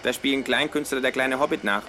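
A man playing a smug deadpan kangaroo. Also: mid-range voice, fast talker, slight background noise, pitched above the performer's own voice, lightly acted. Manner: dry, deadpan wisecracks. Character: cheeky freeloading male kangaroo, smug and deadpan. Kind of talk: comic audiobook reading.

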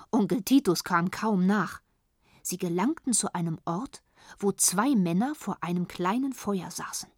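A woman reading a children's story aloud in a calm, even storytelling manner. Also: mid-range voice, breathy edge, dry recording, studio quality. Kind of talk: storybook narration.

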